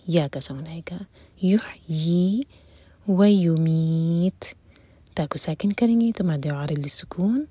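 A woman teaching Quran recitation rules, reciting verses slowly and drawn out, then explaining quickly in a soft, breathy, often whispered voice. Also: low voice. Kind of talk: tajweed lesson, recite and explain.

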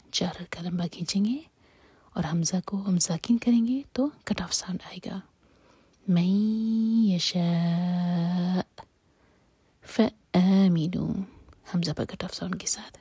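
A woman giving a whispered tajweed lesson. She whispers each rule in a breathy voice, then recites the verse slowly and aloud. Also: on the low side, a little mellow, dry recording. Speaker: Quran recitation teacher.

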